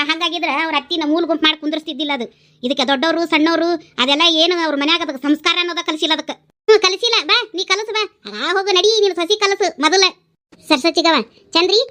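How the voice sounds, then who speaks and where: Brash, foul-mouthed village women from a cartoon, screaming insults at each other in a North Karnataka Kannada accent. The voice sits very high and the words tumble out fast, one scolding jab after another. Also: female voice, sharp tone. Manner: shrill, scolding, rapid-fire insults. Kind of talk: cartoon voice acting.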